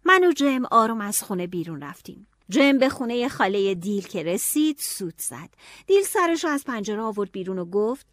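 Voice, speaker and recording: A woman narrating an audiobook in a steady storytelling manner. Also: medium pitch, no room sound, clean studio sound.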